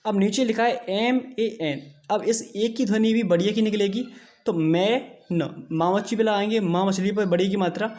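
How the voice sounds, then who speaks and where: Man, high-pitched, teacher, slow classroom phonics lesson, repeats sounds for students. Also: darkish tone. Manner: drawn-out syllables, repeats each sound and asks the class back. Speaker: English teacher.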